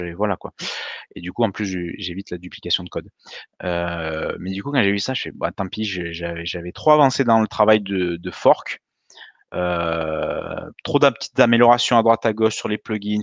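A man's voice: lowish voice, a bit bright, dry recording. A man in his thirties giving a meetup talk over slides on a webcam, hesitant with many fillers and restarts. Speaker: meetup presenter. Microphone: webcam on a video call.

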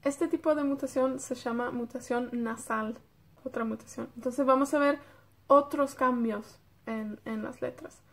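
A woman's voice: on the high side, fairly even intonation, unhurried, few pauses. A woman from Wales with a North Welsh accent, teaching a beginner Welsh lesson in Spanish, patiently checking in with her students and drilling words.

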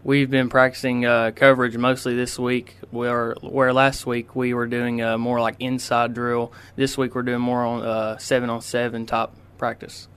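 A teenage boy answers a radio interviewer, polite and hesitant, pausing often on ums and uhs. His voice is smooth and clear but stays flat, with little rise or fall. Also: medium pitch. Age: teens. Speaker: high school quarterback guest. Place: radio studio.

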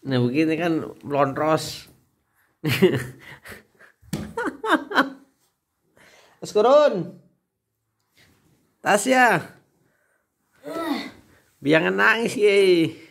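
A man's voice: a little high, sing-song, drawn-out words, vocal fry, long pauses, fairly bright tone. A man, teasing and playfully coaxing his family while filming a casual home video on a handheld phone.

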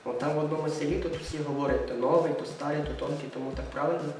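Fast-talking cocky young man joking. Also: on the high side, steady tone, vocal fry. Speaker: friend taking a quiz. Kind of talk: casual chat. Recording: echoey room, mic at a distance, music behind.

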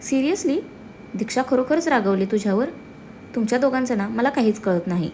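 A woman's voice: expressive, a little fast, darkish tone, a little hiss or hum, lightly acted. A woman voicing a surprised young male friend who asks disbelieving questions. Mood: incredulous. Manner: incredulous, raised pitch.

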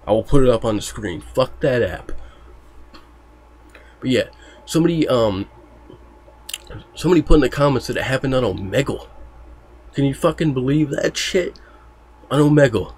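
A man's voice: mid-range voice, lively intonation, normal speed, pauses often, darkish tone, slightly rough. A man talking casually to his viewers, loose and profane, with lots of fillers. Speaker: YouTuber warning about online scams. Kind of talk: casual talk to camera.

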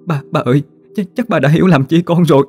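A frightened young peasant woman pleads and stammers in a raised, soft-edged voice, as a male storyteller puts her on. The tone stays mellow and dark under the higher pitch. She sounds close to tears throughout, as if in an old folk tale. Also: fast talker, faint music behind, close to an everyday voice. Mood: tearful.

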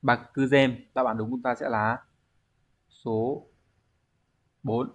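A man's voice: medium pitch, fairly even intonation, slow pace, dull audio. A man, teaching a language exam review lesson, explaining step by step and answering his own questions.

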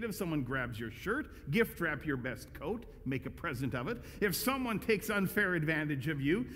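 A male pastor with a high, fairly bright voice preaches a conversational, emphatic sermon in a church sanctuary, often restarting his sentences. The church hall is echoey.

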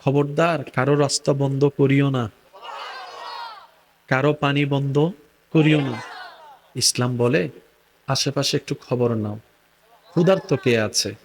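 A man preaching an Islamic sermon to a crowd, leading call-and-response and rising to shouted peaks. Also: medium pitch, steady tone, slow, long pauses.

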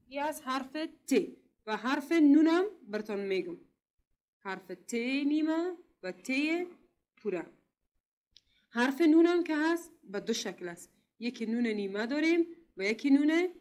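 A woman with an Afghan Dari accent leads a beginner literacy lesson in a slightly raised voice. She is patient, repeats sounds slowly, and keeps asking whether her students follow. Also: sits high. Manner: patient, repeats and checks understanding. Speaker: literacy teacher. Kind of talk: classroom lesson.

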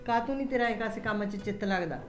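An actress playing a caring mother-in-law who gently soothes her daughter-in-law in a village family drama. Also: mid-range voice, rapid-fire, faint music behind, natural voice.

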